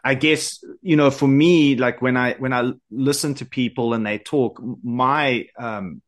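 A man with a South African accent, hosting a podcast in relaxed, friendly chat, full of fillers. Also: medium pitch, unhurried. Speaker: podcast host.

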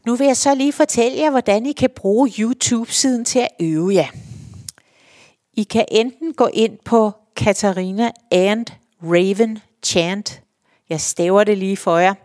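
A woman's voice: medium pitch, darkish tone, no echo, clean studio sound. A woman who is a singer and choir teacher, patiently explaining singing exercises step by step and counting in. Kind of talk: spoken singing lesson.

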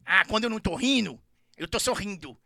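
A man's voice: high voice, lively intonation, fairly quick, creaky, pushed and bright, no echo, clean studio sound. A man, a comedian guest chatting playfully in an interview and laughing often at his own jokes.

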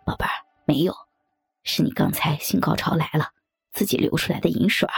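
A woman voicing a doting older man in a low, husky whispered role-play. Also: a little fast, exaggerated voice. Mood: coaxing.

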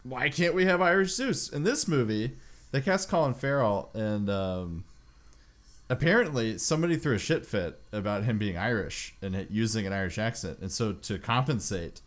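A man co-hosting a podcast, recounting things in an animated, wry conversational way. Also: fairly low pitch, moderate pace. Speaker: podcast co-host. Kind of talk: casual chat.

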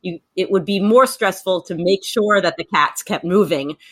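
A woman hosting a podcast, speaking in a supportive, reassuring and measured way. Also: fairly low pitch, fairly bright tone, husky, dry recording. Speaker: podcast host. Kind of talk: casual podcast conversation.

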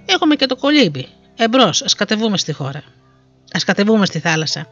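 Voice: mid-range voice, sing-song, a bit bright. A storyteller voicing an arrogant young prince in a fairy tale, speaking with scorn, on a dull lo-fi recording with faint music behind. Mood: defiant. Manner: taunting, scornful.

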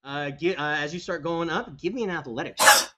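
A man narrating a tabletop game as game master on a live stream, animated and quick to exclaim. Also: a little high.

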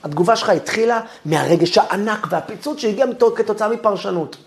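A man, a rabbi, giving a Torah lesson who acts out angry inner voices and lets his phrase ends sink low and soft. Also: creaky. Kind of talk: Torah lesson on the weekly portion.

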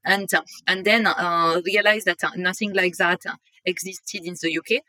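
A woman from northern France with a French accent, a company founder speaking as a guest in a casual interview, pausing often with "uh". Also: on the low side, fairly even intonation, bright, forceful tone, no room sound, low-quality recording. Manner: hesitant, frequent "uh" fillers.

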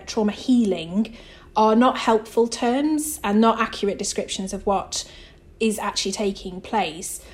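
A woman's voice: medium pitch, a little mellow. A woman author and theologian answering interview questions in a reflective way, thinking aloud as she goes.

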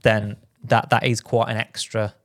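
A British man co-hosting a running podcast in casual chat, quick and full of restarts. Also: fairly low pitch, flat delivery, fairly bright tone, no echo, studio quality. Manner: quick, with frequent restarts and fillers. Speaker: podcast co-host.

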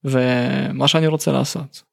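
A man's voice: mid-range voice, fairly even intonation, vocal fry, no room sound, studio quality. A man from Russia with a Russian accent, talking candidly and colloquially in a casual interview as a musician guest. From St Petersburg, Russia.

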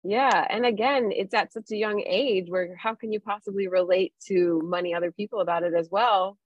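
A woman hosting a podcast interview, answering with sympathetic quick affirmations. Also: medium pitch, no echo, lo-fi sound. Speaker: podcast host. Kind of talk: conversational interview.

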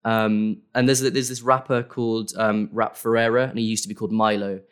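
Low-voiced young man, rambling. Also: flat delivery, fairly quick, clean tone. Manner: rambling, many fillers and self-corrections. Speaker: guest creator. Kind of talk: casual interview.

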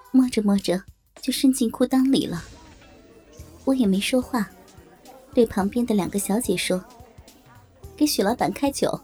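A woman telling a story in the first person, in a colloquial, brisk storytelling manner. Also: a little high, warm tone, slightly rough. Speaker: narrator.

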